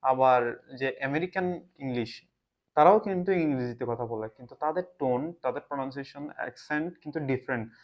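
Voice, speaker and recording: A man from Bangladesh with a Bangladeshi Bengali accent talks casually to the camera in a reflective way, often pausing to search for words. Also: mid-range voice. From Chittagong, Bangladesh. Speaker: vlogger. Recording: slightly dull lo-fi sound.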